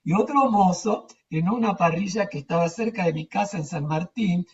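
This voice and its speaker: An older woman with an Argentine accent, a theatre teacher, tells anecdotes casually at normal speed in a fairly low pitch, rambling, emphatic and repeating herself. The microphone sounds distant, dull and muffled.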